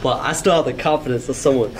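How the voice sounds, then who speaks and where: A man's voice: mid-range voice, quick pace, noisy background. A young man joking with his friend in a gym, teasing in slangy casual talk, with music playing in the background. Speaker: gym partner. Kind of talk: casual banter. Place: commercial gym, indoors.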